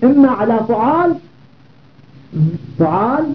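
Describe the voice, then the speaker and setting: A very high-pitched, very animated male teacher explains Arabic grammar a little slowly, repeating word patterns and asking listeners rhetorical questions. The audio is tinny, like a phone call.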